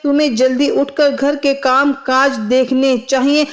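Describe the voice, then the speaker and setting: A woman's voice: high-pitched, little pitch movement, unhurried. A woman voicing a patient mother-in-law. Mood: scolding. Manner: firm but restrained. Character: patient older mother-in-law, scolding gently.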